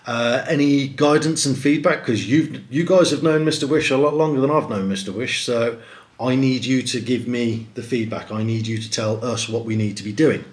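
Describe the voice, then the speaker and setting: A man's voice: medium pitch, normal speed. A middle-aged man, chatting casually on a live stream and answering comments, with lots of fillers and restarts. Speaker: host of a live stream for a prize-draw site.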